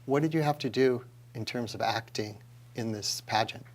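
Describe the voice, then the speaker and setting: A man's voice: medium pitch, normal speed. A man hosting a live talk show, joking with the guest and the studio audience.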